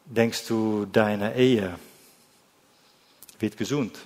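A man from the Netherlands, preaching a sermon in German, slow and deliberate, with phrases that often drop to a soft low ending. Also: fairly even intonation. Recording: long hall reverb.

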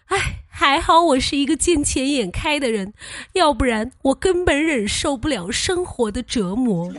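A young woman hosts a comedy podcast, teasing and playful as she tells jokes and anecdotes and acts out the people in them. Her voice is high, her speed normal, and the recording dry.

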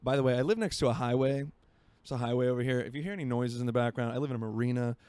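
A man's voice: mid-range voice, steady tone, very fast, darkish tone, clear, resonant tone, dry recording. A man in his twenties from Florida, hosting a solo podcast in rambling, self-mocking casual chat from his home by a marina. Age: 20s. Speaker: podcast host.

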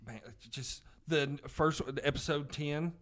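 A man's voice: fairly high pitch, moderate pace, a bit bright. Southern US man chatting on a podcast. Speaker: podcast co-host. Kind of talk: casual podcast chat.

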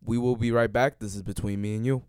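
A man's voice: mid-range voice, steady tone, quick pace, darkish tone, smooth, dry recording, studio quality. A young man hosting a casual podcast chat. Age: young adult. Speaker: podcast host.

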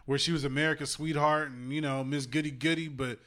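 A man with a somewhat high voice co-hosts a casual radio talk show. He jokes and riffs in loose, streetwise banter. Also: steady tone, fairly quick, fairly bright tone. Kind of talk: casual chat.

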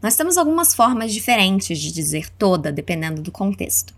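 A woman with a Brazilian accent teaching English words, saying each one slowly and clearly for listeners to repeat. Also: mid-range voice, big pitch swings. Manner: slow, clear modeling of words for repetition. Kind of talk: language lesson narration.

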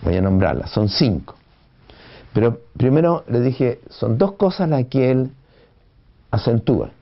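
A man giving an unhurried classroom lecture on education, often pausing with "eh" and tag questions. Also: mid-range voice, very animated. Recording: dull lo-fi recording.

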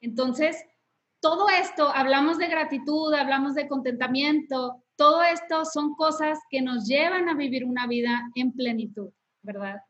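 This podcast host has a high-pitched, fairly bright voice and talks at a moderate pace, though the audio sounds dull. In a casual faith podcast conversation, she explains steps instructively and keeps tagging questions onto her sentences.

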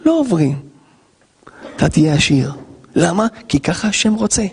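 High, lively rabbi teaching. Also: male voice, slightly rough, big-room sound. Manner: animated, acts out scenes, rhetorical questions. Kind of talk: Torah lesson.

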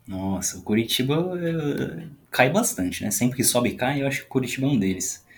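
A man's voice: medium pitch, lively intonation, a little fast. A man with a Brazilian Portuguese accent taking part in a football panel in a casual, conversational way. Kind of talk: casual chat.

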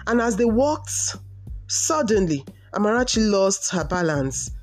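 A woman reads a folk tale aloud at an unhurried pace. Her voice rises and falls in a lively, animated way, with soft music faintly underneath. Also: medium pitch. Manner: slow, expressive storytelling. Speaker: narrator. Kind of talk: storybook narration.

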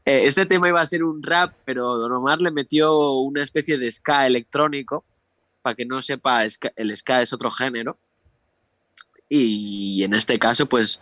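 A man's voice: medium pitch, a bit bright, dry recording. A man co-hosting a music podcast, rambling with restarts and teasing his friends. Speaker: podcast co-host. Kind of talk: casual chat about music.

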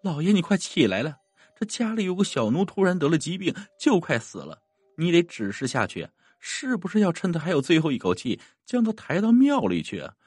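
An anxious noble wife, as a male storyteller puts her on, pitched high and hurried. Her husky voice swoops widely as she frets. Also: huge pitch swings, a little mellow, dry recording, clean studio sound, full character voice. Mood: urgent. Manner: urgent and fretful. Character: anxious middle-aged noblewoman, the squire's wife.

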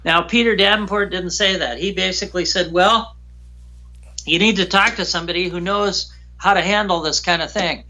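A man guest recounting a frightening personal story in an emotional, halting way, often repeating himself. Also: high voice, steady tone, sharp tone.

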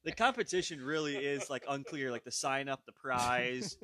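A man's voice: medium pitch, normal speed, sharp tone, a little hiss or hum. A man co-hosting a podcast, recapping a film in casual chat with many "like"s and stalls. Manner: recapping a film, filled with "like" and hesitations. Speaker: podcast co-host.

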